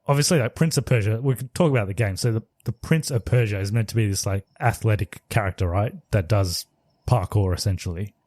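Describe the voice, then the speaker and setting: A man on a podcast chats about movies as a co-host, rambling, hedging and laughing often. He has a medium-pitched, slightly mellow voice, and there's no echo on the recording.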